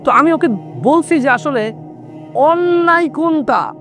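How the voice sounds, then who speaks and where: A middle-aged man preaching a sermon in an animated way, mixing in English words and acting out little dialogues. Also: extremely high pitch, unhurried, soft background music. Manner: acts out dialogues in different voices. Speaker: Islamic preacher.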